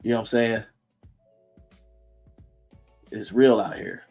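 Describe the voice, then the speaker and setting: A man's voice: lowish voice, fairly even intonation, slow pace, a little mellow, faint music behind. A man hosting a casual streamed talk, blunt and preachy, in heated street slang. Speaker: host.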